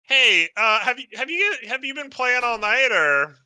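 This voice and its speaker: A man playing a character in a tabletop game, talking in a halting, hesitant way. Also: very high voice, very animated, bright, forceful tone, clean tone. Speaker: player.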